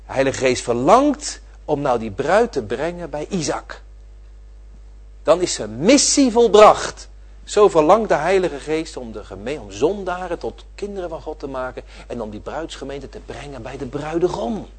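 A man preaching a sermon, repeating his phrases and swinging from loud declarations to quiet asides. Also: on the high side, very animated, normal speed, slightly rough. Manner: emphatic, repeating phrases with swelling and dropping volume.

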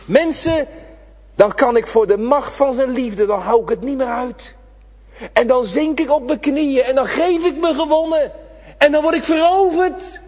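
A man preaching a sermon, impassioned, swinging from loud appeals to hushed whispers, in a church. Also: extremely high pitch, unhurried. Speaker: pastor. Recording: reverberant church hall.

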